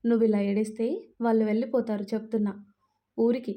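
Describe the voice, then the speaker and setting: A woman voicing a caring, confident young man who speaks in a reassuring, gently teasing way in a Telugu audio story. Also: high voice, level tone, fast talker, natural voice.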